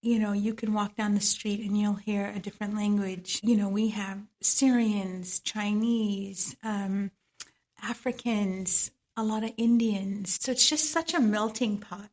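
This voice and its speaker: A woman's voice: mid-range voice, steady tone, measured pace, darkish tone. A woman from Trinidad with a Trinidadian accent, speaking as a guest on a podcast, reflective and often laughing. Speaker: guest, medical esthetician. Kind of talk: podcast interview.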